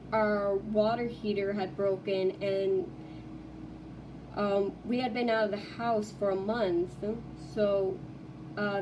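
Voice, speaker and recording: A woman's voice: medium pitch, distant mic, noisy background. Young woman vlogging from a dorm room. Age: young adult. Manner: rambling, many fillers and restarts. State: tearful, voice breaking. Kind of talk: casual dorm tour vlog.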